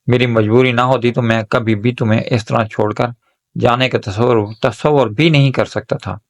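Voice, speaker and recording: A man's voice: medium pitch, fairly even intonation, lightly acted. A man voicing a worried young husband who does not want to leave his wife in a spoken story. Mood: earnest.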